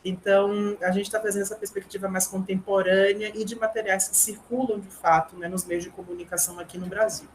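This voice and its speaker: A middle-aged language teacher with a Brazilian Portuguese accent earnestly explains her answers to interview questions, often using tag questions and small restarts. Her medium-pitched voice is level and fairly quick with hardly any pauses, on a rough recording with a little hiss or hum.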